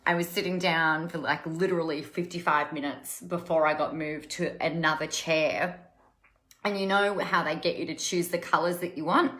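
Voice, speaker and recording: Chatty woman with a bright voice. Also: low-pitched, steady tone, normal speed. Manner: chatty and emphatic, repeats words for effect. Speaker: coach and live-stream host. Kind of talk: casual live-stream chat. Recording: echoey room.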